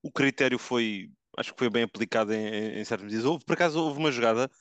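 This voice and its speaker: A man's voice: mid-range voice, fast, fairly bright tone, no echo. A man with a European Portuguese accent chatting casually as a podcast host. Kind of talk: casual chat.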